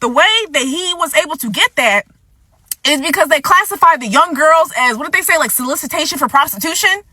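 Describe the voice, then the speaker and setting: A woman's voice: high voice, expressive, brisk, pushed and bright, no echo. A woman hosting a vlog, delivering impassioned commentary in a blunt, angry, profane way, repeating points for emphasis and fighting back tears. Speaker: vlog host.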